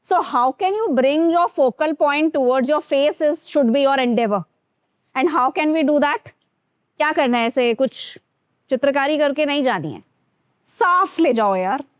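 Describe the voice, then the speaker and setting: A high-voiced woman with an Indian accent leads a grooming class, mixing Hindi and English as she talks straight to her students. She speaks slowly and deliberately, drawing words out. The sound is dry and close, with little room echo. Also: expressive. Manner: mixes Hindi and English, addresses students directly. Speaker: teacher.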